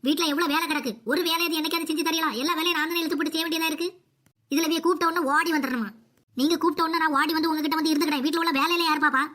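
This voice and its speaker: A woman's voice: extremely high pitch, fairly even intonation, very fast, a bit bright, slight background noise. A woman voicing a defiant, cheeky young daughter-in-law in a cartoon comedy. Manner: sassy, talks back.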